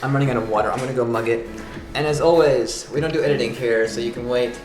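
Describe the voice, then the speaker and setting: Man, middle pitch, casual solo vlog chat, halting repetitive phrasing, roomy echo, music in the background. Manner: halting, repeats and restarts phrases; refers to himself in third person as grandpa. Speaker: vlog host. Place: sparsely furnished apartment room. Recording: echoey room with background music.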